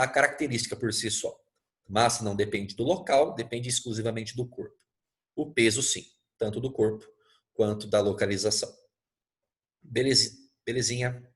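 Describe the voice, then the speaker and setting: A Brazilian man teaches physics live online, in a friendly, conversational way. His pitch sits right in the middle for a man. He keeps pausing to check in with his students, joking lightly as he explains. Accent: Brazilian Portuguese. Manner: chatty and playful, constantly checking in with students.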